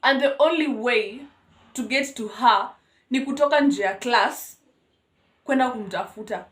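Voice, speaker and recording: A young woman with a Kenyan accent telling a school story on her vlog in an animated, dramatic way. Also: fairly high pitch, measured pace, echoey room. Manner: animated, dramatic, code-switching. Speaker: vlogger.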